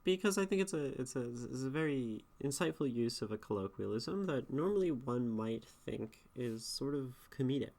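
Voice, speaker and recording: Her bass voice is darkish and expressive, with vocal fry, a normal pace and few pauses. A streamer who critiques poetry, she chats casually with her audience, reading their messages and answering thoughtfully while frequently starting over.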